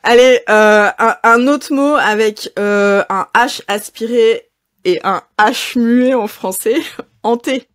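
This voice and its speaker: A woman's voice: on the high side, slow. A woman hosting a podcast, playfully quizzing her guests and laughing between questions. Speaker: podcast host. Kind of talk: casual podcast chat.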